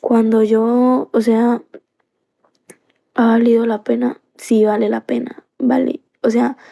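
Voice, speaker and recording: A woman's voice: fairly high pitch, level tone, takes it slowly, creaky, mellow. A woman from Colombia, earnestly telling a personal story on a live stream into a phone, circling back with many fillers.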